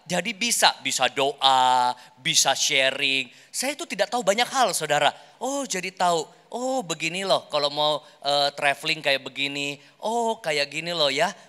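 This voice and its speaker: Male pastor, high-pitched voice, forceful bright tone, conversational sermon teaching, addresses listeners often. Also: sing-song, normal speed. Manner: conversational, repeatedly addressing the congregation, acting out short examples. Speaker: pastor giving a workshop talk. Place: large hall, speaking to an audience. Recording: echoing hall with long reverb.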